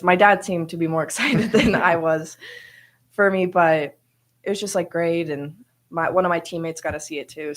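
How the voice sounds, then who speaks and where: A young woman answers questions at a media interview. Her voice sits a little low. She sounds chatty and enthusiastic and uses many fillers. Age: young adult. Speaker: first-year college athlete.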